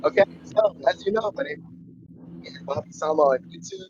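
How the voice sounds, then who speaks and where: A man's voice: a little high, brisk, darkish tone, slight background noise. A man giving a casual introduction of himself over a call whose audio keeps cutting out. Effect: choppy call audio that keeps cutting out. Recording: muffled lo-fi online call.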